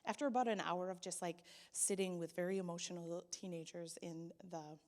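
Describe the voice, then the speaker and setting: A woman's voice: on the low side, steady tone, fairly quick. A young adult woman sharing a personal testimony at church, telling her story and acting out the people in it. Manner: storytelling, voices quoted people, grows loud and pleading. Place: church hall. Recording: long hall reverb.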